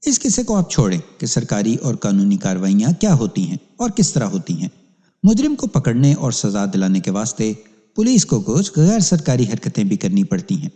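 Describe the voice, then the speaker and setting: A man's voice: lowish voice, mellow. A man narrating a crime story as a police inspector, in an emphatic, dramatic reading. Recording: long hall reverb.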